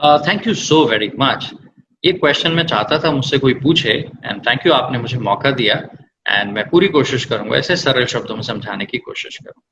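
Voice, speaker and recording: A man's voice: mid-range voice, lively intonation, normal speed, bright, forceful tone, slight background noise, low-quality recording. A man working as an English language trainer, explaining patiently with examples and mixing English words into his Hindi. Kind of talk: explanatory interview answers.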